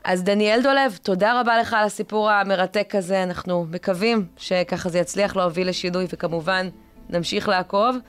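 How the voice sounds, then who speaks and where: A woman's voice: mid-range voice, steady tone, clean tone, soft background music. A woman with an Israeli accent hosting a current-affairs discussion and telling stories conversationally, with hesitant phrasing as she thinks aloud. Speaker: podcast host and journalist.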